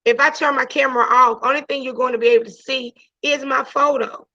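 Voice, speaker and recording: Talking a little fast, with fairly even intonation, a woman teacher addresses her online class from home in a loud, high-pitched voice. She's casual and chatty, often restarting and saying "you know." The dull, lo-fi video call audio carries no room sound.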